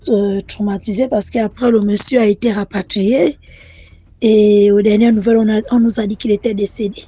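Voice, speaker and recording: Husky high-voiced woman telling a story. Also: no echo. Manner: animated, repetitive, addresses the channel directly. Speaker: caller sharing a personal story. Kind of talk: personal testimony storytelling.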